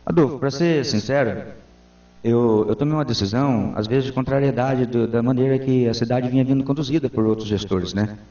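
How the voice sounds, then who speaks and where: A man in his forties answers interview questions in an earnest, formal way as a town councilman. His voice is dark and mellow, and it comes from a distance in a roomy space. The sound is dull and lo-fi. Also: medium pitch, brisk. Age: 40s.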